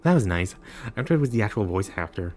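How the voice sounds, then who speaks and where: A man's voice: on the low side, sing-song, quick pace, darkish tone. A man giving casual commentary as he plays through a video game. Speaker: gamer playing through a story chapter. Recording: game music behind.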